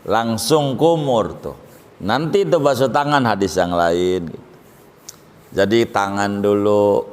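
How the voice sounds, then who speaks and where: A man preaching a sermon in a casual, joking way, his voice leaping up high for emphasis. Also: a little mellow. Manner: colloquial joking preacher, pitch jumps up for emphasis. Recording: long hall reverb.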